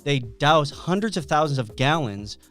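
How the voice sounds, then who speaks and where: A man co-hosting a casual podcast, telling facts as animated stories. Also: on the high side, moderate pace, soft background music. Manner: animated storyteller, reads out facts. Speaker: podcast co-host.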